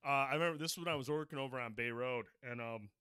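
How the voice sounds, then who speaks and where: A man's voice: medium pitch, rapid-fire, clean tone, no echo, clean studio sound. A man hosting a podcast, telling stories in casual chat with lots of swearing and laughter. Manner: animated, swears freely, laughs often. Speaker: podcast host.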